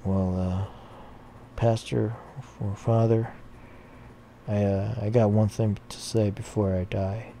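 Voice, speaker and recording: A man's voice: lowish voice, level tone, takes it slowly, long pauses, warm tone, a little hiss or hum. A man voicing a hesitant condemned man who rambles through long lists with fillers.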